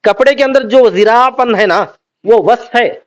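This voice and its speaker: A man teaching Islamic law, reading out Arabic text and then explaining it by asking and answering his own questions. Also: very high-pitched. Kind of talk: classroom lecture. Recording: dull lo-fi recording.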